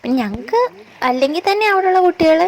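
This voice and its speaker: A woman's voice: extremely high pitch, animated, fast, slight background noise. A mother narrating a family vlog in a chatty way, explaining step by step and correcting herself as she goes. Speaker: vlogger and mother.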